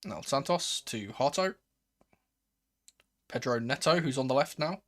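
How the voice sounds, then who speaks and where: A man hosting a live football watchalong, calling the play in a casual, excitable fan's manner. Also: medium pitch, measured pace. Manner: excitable, swearing, shifting from murmured play-by-play to raised exclamations. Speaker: host of a football watchalong stream. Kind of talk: live football commentary with casual fan reactions.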